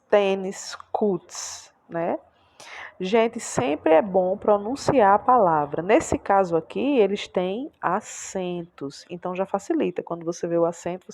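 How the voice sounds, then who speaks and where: A woman teacher with a Brazilian accent leads a classroom lesson. Her voice sits a little low, and she repeats each example word aloud. She keeps checking in with short tag questions as she goes. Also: darkish tone. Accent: Brazilian Portuguese. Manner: explains patiently, repeats words aloud, many tag questions.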